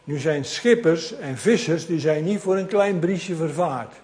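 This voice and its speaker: A man preaches to his congregation, his voice pitched a little high. He tells the story in a lively, conversational way and turns often to address his listeners directly. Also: measured pace. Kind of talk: sermon.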